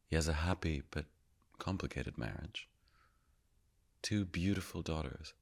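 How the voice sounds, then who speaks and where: A man playing a gravelly, deep-voiced particle narrator. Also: exaggerated voice. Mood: wry storytelling. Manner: measured storytelling that drops often into hushed whispers. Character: the Higgs boson, a calm all-knowing male narrator. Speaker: actor performing a stage monologue. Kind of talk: theatrical monologue.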